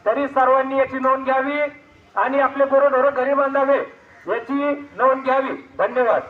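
Very high-pitched man over a loudspeaker. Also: steady tone, moderate pace. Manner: formal, repetitive official notice. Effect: over a loudspeaker on a rickshaw. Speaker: village public announcer. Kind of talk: public announcement. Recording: echoey, dull loudspeaker sound with faint noise.

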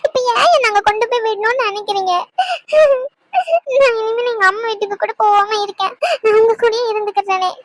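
A woman's voice: very high-pitched, fairly even intonation, a little fast, fairly bright tone. A woman voicing a tearful young pregnant wife in a cartoon, pleading and complaining.

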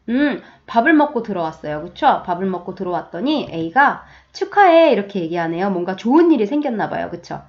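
A woman teaching a beginner Chinese lesson, slowly and patiently, checking in often and modeling phrases for learners to repeat. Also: medium pitch. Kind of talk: beginner language lesson with drills. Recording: dull lo-fi audio.

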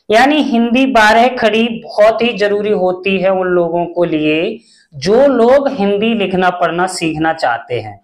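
A man teaching Hindi letters, reciting each syllable slowly and clearly as a classroom drill. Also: high voice. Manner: drawn-out syllable-by-syllable pronunciation drills.

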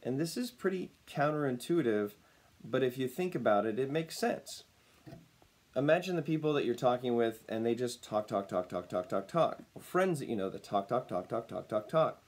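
Speaking to his webcam from a desk in a room at home, this personal branding speaker in his thirties is still a bit raspy from recovering a lost voice. He keeps things casual, upbeat and smiling, with frequent chuckles. His mid-range voice is animated and slightly dark, moving at a moderate pace.

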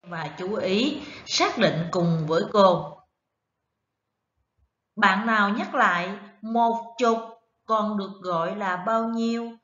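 A woman primary school teacher leads an online math lesson for first graders, counting aloud slowly and asking the children to repeat after her. Her mid-range voice is a bit bright, and the echoey room and cut-off highs color the sound.

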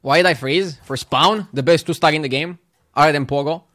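A male streamer in casual live gameplay commentary, hyped and joking as he chats with viewers. His voice sits a little high for a man. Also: brisk, fairly bright tone.

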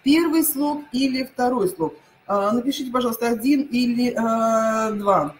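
A woman teacher giving an online lesson, repeating each word pair slowly and hesitating often. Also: fairly high pitch, slight background noise, low-quality recording.

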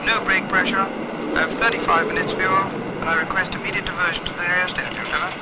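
An actor playing a pilot in distress, talking over an aircraft radio in clipped, calm radio procedure, from a 1960s film. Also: male voice, high voice, a little fast. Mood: tense. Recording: noisy old film soundtrack with hiss.

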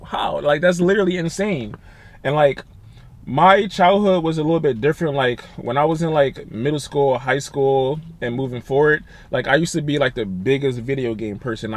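A young man chatting casually in a vlog, loose and slangy, with lots of fillers and asides. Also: mid-range voice. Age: young adult. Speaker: content creator. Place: Los Angeles.

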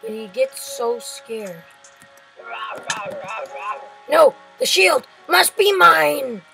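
A woman with a high, bright-sounding voice talks through a video game at an easy, unhurried pace. She is excitable and yells at the creatures she meets. Soft game music plays faintly behind her. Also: creaky, poor audio. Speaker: gameplay commentator. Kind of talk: casual let's-play commentary.

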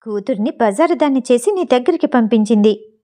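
A woman's voice: on the high side, expressive, fairly quick, dark tone, natural voice. A woman reading as a furious, ranting rich mother. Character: furious scheming wealthy mother, middle-aged woman.

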